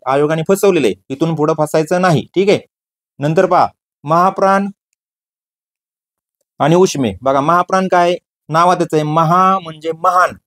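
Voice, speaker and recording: A man teaching an exam-prep grammar lesson, firing questions at his students and answering them himself, repeating key words. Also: fairly high pitch.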